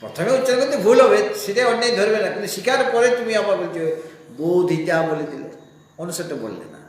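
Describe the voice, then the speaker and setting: Male scripture teacher, high voice, patient rhetorical questioning, heavy hall echo. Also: animated. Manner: explains slowly, asks listeners rhetorical questions. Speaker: Vedanta teacher. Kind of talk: scripture class discourse. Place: spiritual society hall.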